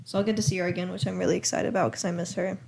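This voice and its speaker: A woman's voice: lowish voice, level tone, very fast, creaky, a little mellow, slightly rough. Teenage girl, chatty, rambling, casual family podcast, home studio. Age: teens. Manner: chatty, giggly, rambling recaps with fillers. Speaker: podcast co-host, daughter. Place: home room turned audio studio.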